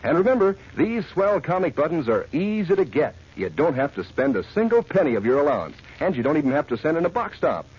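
Male old radio announcer and pitchman. Peppy, swooping delivery, slightly muffled vintage broadcast sound. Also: big pitch swings, fast, few pauses, a little mellow, husky. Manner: peppy salesmanlike. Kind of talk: 1940s old radio announcer, scripted advertising. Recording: dull old radio recording.

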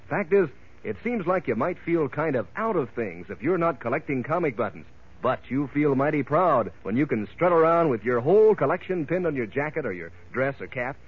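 Animated, husky American old radio announcer. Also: male voice, mid-range voice. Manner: folksy, eager salesman addressing children. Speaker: commercial announcer. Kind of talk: 1940s radio advertising pitch, old radio announcer. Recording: tinny, phone-like vintage radio recording.

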